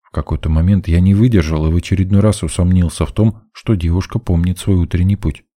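A man's voice: deep voice, steady tone, quick pace, dark tone, no room sound, clean studio sound. A man narrating an adventure audiobook in the first person, with a wry, conversational storytelling manner.

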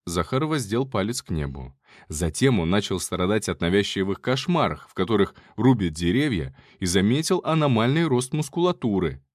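A man's voice: lowish voice, sing-song, normal speed, dry recording, clean studio sound. A man giving casual first-person audiobook narration in a wry, colloquial manner.

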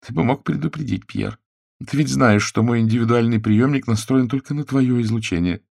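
A man's voice: mid-range voice, a little fast, vocal fry, darkish tone, no room sound, pitched above the performer's own voice. A man voicing a beautiful, jealous and bossy alien wife who speaks reproachfully. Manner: reproachful, trembling.

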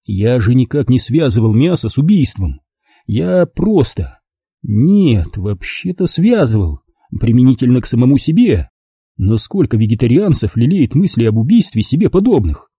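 A man reading a first-person audiobook in a calm, measured way. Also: medium pitch, breathy edge, dry recording, studio quality. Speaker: audiobook narrator.

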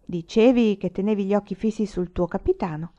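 A grave, restrained young man, as a woman reader gives him voice, answering briefly and calmly. The recording sounds slightly dull and lo-fi. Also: mid-range voice, fairly quick, natural voice.

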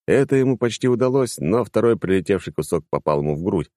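Deep-voiced man narrating lively. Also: fast talker, dry recording, clean studio sound. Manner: lively, wry, sweeping pitch. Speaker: audiobook narrator. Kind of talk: first-person scripted narration.

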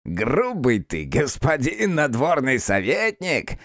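Guy doing a fat sly old innkeeper, raised gruff voice, mocking, dry close mic. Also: mid-range voice, huge pitch swings, slow, a bit bright, no room sound, pitched above the performer's own voice, heavily acted. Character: fat, wheezing, crafty old innkeeper man. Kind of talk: audiobook character voice.

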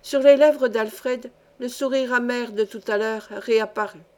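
A woman reads a satirical short story aloud with a measured, expressive delivery. Her voice sits a little high. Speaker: reader. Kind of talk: literary reading of a satirical story.

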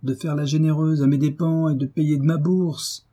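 A man's voice: medium pitch, animated, normal speed, husky. A man voicing a brutish, hot-tempered middle-aged landowner who blusters and curses, in an audiobook. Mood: furious. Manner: blustering, cursing, shouting. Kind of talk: audiobook character reading.

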